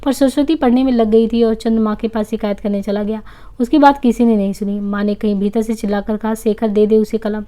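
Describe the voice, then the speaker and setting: Woman narrator reading a novel aloud, mellow and steady, with occasional restarts. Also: a little high, fairly quick. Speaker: reader.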